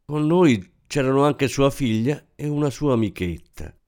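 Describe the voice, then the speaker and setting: A man's voice: medium pitch, animated, normal speed, darkish tone, clean tone, pitched above the performer's own voice, lightly acted. A man voicing a shy, guarded young woman who answers curtly and reluctantly. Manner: curt, reluctant replies.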